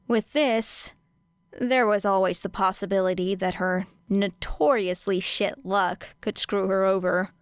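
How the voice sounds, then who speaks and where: A woman reads fiction from a script as an audiobook narrator, her medium-pitched voice smooth and clean. She sits close to the mic in a dry space with no room sound.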